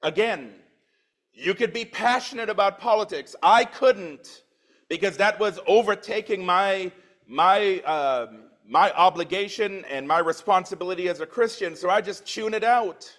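A man's voice: high voice, measured pace, a bit bright. A man in his forties from Trinidad, preaching a sermon in church, reading scripture with swelling emphasis and dropping into plain conversational asides. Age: 40s.

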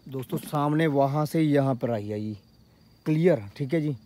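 A man filming a night ghost-hunting vlog outdoors on a handheld camera, jumping from startled loud cries to hushed whispers. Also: on the high side, moderate pace. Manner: jumpy, exclaims often, switches between loud cries and hushed whispers. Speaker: paranormal vlogger.

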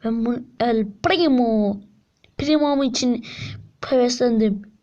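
A woman giving excited gameplay commentary, getting frustrated, counting rolls aloud and swinging between whispers and shrieks. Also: a little high, takes it slowly. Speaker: gaming video creator. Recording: dull lo-fi sound.

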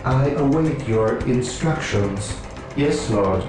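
A man voicing an obedient cyborg servitor in a video game, his voice processed to sound booming and metallic, answering in slow, flat, dutiful lines. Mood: mechanical obedience. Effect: metallic robotic processing. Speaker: game unit voice. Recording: echoey, distant, game music behind.

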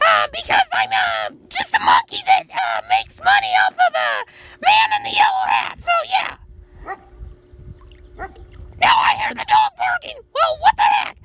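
A performer voicing a manic, self-declared psychopath cartoon monkey in a loud, squeaky, rambling plush toy skit outdoors by a pool. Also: a little slow, full character voice. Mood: brash, boastful. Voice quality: squeaky, shrill. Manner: loud, hesitant rambling, shouting. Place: outdoors by a backyard swimming pool. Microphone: handheld phone camera. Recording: noisy outdoor phone recording.

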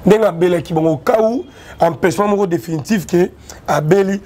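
A man's voice: high voice, normal speed, a little mellow. A man, interviewing a guest with probing questions and calling him papa. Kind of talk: interview mixing French and Lingala.

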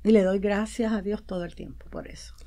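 Mellow-voiced woman telling a personal story. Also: medium pitch, fairly even intonation, brisk. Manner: emotional storytelling, acts out quoted dialogue. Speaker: guest, promoter and publicist. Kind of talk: casual interview talk. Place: radio studio.

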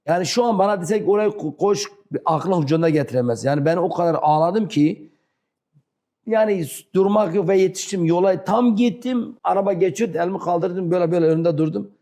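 A man with a southeastern Turkish accent tells personal stories in broken, non-fluent Turkish, halting and repeating himself. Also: sits high, dark tone. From rural southeastern Turkey. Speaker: interview guest. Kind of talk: animated personal storytelling.

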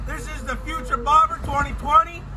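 A young barber talks straight into a phone held at arm's length, loud and hyped, in a high voice. Vehicle and street noise runs underneath the whole time. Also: male voice, fairly even intonation, fairly quick. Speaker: barber and vlog host. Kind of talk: casual vlog chat. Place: inside a parked barber bus. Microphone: phone camera at arm's length. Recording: noisy vehicle background.

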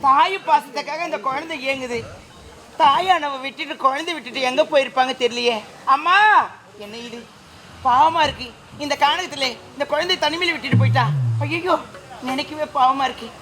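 A woman's voice: high-pitched, moderate pace, a crowd in the background, close to an everyday voice. A woman playing a tender, tearful young bride-to-be in an open-air folk stage drama, with an emotional, pleading delivery.

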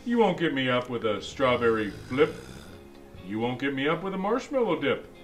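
With music behind him, a man in the role of jolly old Santa Claus animatedly reads a picture book aloud to children. His mid-range voice, close to his everyday one, is very animated at a normal speed. He sounds playful and insistent, breaking into exclamations and chatty asides.

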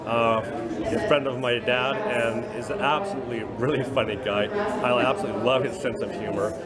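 A man's voice: mid-range voice, steady tone, fairly quick. A middle-aged man chatting casually in a testimonial. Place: indoors by a doorway at event. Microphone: phone held at short distance. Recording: loud crowd chatter behind.

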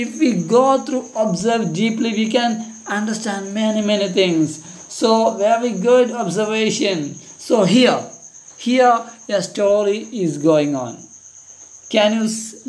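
A woman's voice: medium pitch, darkish tone. A woman with a Malayali accent teaching an online primary school lesson, asking questions and praising answers. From India. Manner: slow, coaxing, asks children questions and praises answers.

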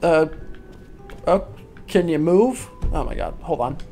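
A woman hosting a let's play, cursing and yelling in exasperation at the game's characters. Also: deep voice, expressive, slow pace, soft background music. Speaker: gaming video host.

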